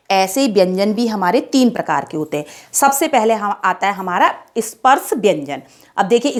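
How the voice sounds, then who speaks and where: Patient woman teaching children letters. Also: a little high. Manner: patient, repeats questions and answers for pupils; drawn-out letter recitation. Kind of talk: children's Hindi lesson.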